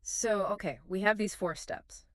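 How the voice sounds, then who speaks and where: A woman's voice: mid-range voice, unhurried, no echo, clean studio sound. A woman co-hosting an explanatory podcast who asks curious questions and sums up the key points. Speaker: podcast co-host.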